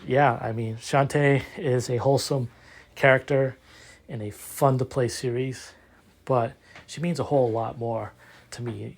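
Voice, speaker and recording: Earnest man with a gravelly voice. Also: mid-range voice, darkish tone. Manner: earnest, halting with ums and uhs. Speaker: community member. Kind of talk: casual recorded monologue.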